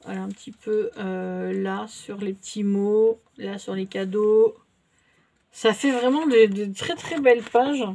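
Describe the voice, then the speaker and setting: A woman's voice: medium pitch, fairly even intonation, measured pace, vocal fry, dark tone. A French-speaking woman chatting casually to her viewers while showing a shopping haul, with many fillers and little hesitations. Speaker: haul vlogger. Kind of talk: casual show-and-tell haul.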